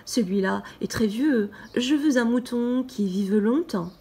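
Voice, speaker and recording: A woman voicing an earnest, curious little boy prince in a soft, partly whispered storybook reading. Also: on the high side, measured pace, slightly rough. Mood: patient. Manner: insistent, wondering questions.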